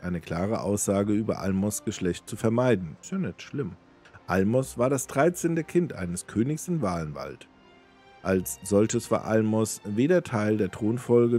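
A low-pitched man reading an in-game book aloud for a let's play, his delivery lively and expressive with casual asides. His voice is dark and slightly husky, and faint game music plays beneath it. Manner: expressive storytelling with offhand asides.

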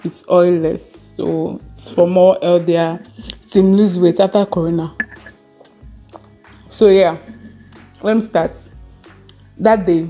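A young woman chats to her viewers between bites, telling a story in a relaxed, easygoing way. Her voice sits a little low and sounds mellow and dark. Faint music plays behind her. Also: takes it slowly, pauses often. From Nigeria. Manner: chatty, laughing, eating on camera. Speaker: vlogger. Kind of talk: casual storytelling while eating.

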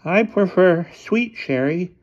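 A man voicing a thin, irritable station master with a thin, sharp voice, on a dull lo-fi recording. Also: sits high, expressive, slow pace, voice pushed up, full character voice. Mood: grumpy. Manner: sharp, grumpy.

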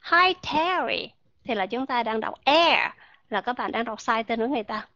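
Woman pronunciation teacher, high and bright, dry dull lo-fi audio, drills sounds with learners. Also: no room sound. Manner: explains slowly, models English sounds, asks learners questions. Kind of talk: online pronunciation class.

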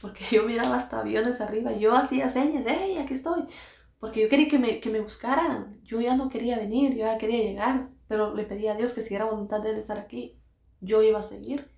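A woman's voice: on the high side, fairly even intonation, quick pace, vocal fry, a little mellow. A woman earnestly telling her own life story, repeating phrases for emphasis and acting out what others said. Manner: earnest, repeats phrases, acts out quoted voices. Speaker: vlogger recounting her own experience. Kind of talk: emotional personal storytelling. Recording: roomy echo.

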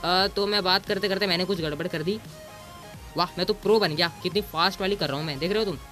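Gamer guy, casual commentary, bossy and teasing, pitched high, faint music under him. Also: quick pace, pushed and bright. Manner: bossy and teasing, mixes in English exclamations. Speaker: gaming YouTuber.

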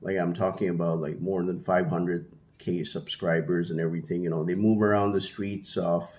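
In a small room at home, a man in his thirties from India, Hindi being his first language, vlogs casually at a moderate pace in a deep, steady, darkish voice. He rambles, restarting and filling gaps often. He gestures with one hand and keeps a small mic pressed to his mouth.

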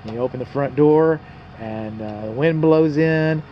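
Speaking at a measured pace in a voice on the high side, a male home inspector from North Texas films outside next to a house and explains what he's looking at, folksy and digressive, addressing the viewer directly. Audio from the handheld camera mic is muffled and carries a hum.

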